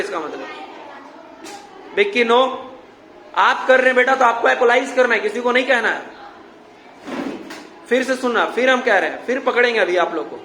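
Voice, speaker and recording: A male teacher drills his class with the same questions again and again and scolds them mildly for not listening. He is recorded in a classroom full of echo, with steady noise behind him. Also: extremely high pitch. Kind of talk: classroom English grammar lesson. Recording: echoey classroom with background noise.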